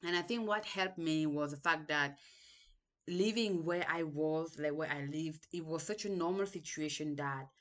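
A woman's voice: deep voice, moderate pace. A young woman from Cameroon with a Cameroonian accent, reflecting on her past in a hesitant monologue full of restarts and ums. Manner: hesitant, restarts sentences often, many ums. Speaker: podcast host.

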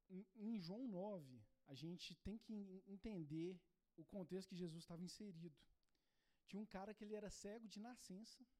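A man's voice: high-pitched, mellow. A man in his thirties from Brazil, a pastor giving a conversational sermon at a Sunday church service, telling stories from his own life. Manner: conversational, tells personal stories, frequent "né?".

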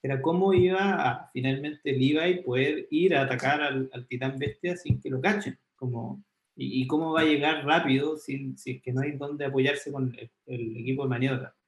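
A man's voice: medium pitch, normal speed. A man with a Chilean Spanish accent, chatting casually about an anime and acting out scenes as he retells them. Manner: animated, slangy, retells scenes with acted quotes. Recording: echoey room.

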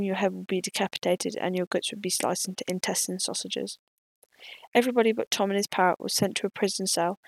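Woman storyteller reading her tale plainly, creaky tone, dry close sound. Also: lowish voice, dry recording. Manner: plain reading with slips and restarts. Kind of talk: reading an original story aloud.

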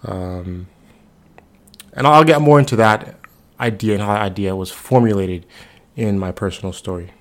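Young Bahamian-born man, lowish voice. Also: moderate pace, long pauses. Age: 20s. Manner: relaxed, conversational, with frequent fillers. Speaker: podcast host. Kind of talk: solo podcast introduction.

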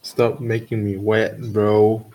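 Young singaporean dude, kinda low voice, talks slow n unsure, casual singlish chat. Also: male voice, completely flat delivery, a little mellow, slight background noise. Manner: colloquial Singlish, hesitant and hedging. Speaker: podcast guest.

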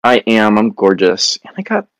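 A man's voice: fairly low pitch, big pitch swings, moderate pace, a bit bright, dry recording. A man chatting casually on a comedy podcast, rambling and self-mocking with lots of fillers.

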